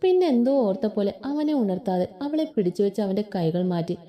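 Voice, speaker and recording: A woman's voice: medium pitch, brisk. A woman reading a romance story aloud, voicing every character. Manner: expressive reading, voices all characters.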